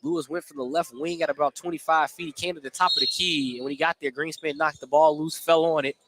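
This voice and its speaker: A slightly high-pitched announcer talks fast with a steady tone, calling a live basketball game for radio. The clipped, detailed play-by-play is recorded in an indoor gym, where crowd noise and ball bounces fill the background.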